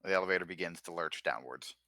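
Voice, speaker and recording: Deep-voiced man running a tabletop game. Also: fast, dry recording. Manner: relaxed, filler-heavy narration with many uhs. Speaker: game master.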